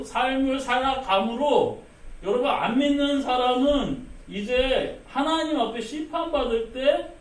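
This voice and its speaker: A man's voice: extremely high pitch, a little hiss or hum. A male pastor delivering an emphatic sermon, calling out to the congregation again and again and acting out quoted voices. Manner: emphatic, repeats "여러분" often, acts out quoted voices. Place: church sanctuary. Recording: echoey sanctuary, mic at a distance.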